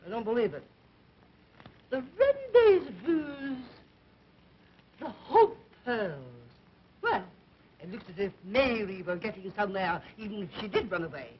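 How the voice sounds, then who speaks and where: An actor playing an excitable, blustery, sardonic businessman in an early talkie film comedy. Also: high voice, a little slow, pauses often. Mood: excited disbelief. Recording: dull, noisy 1930 film soundtrack.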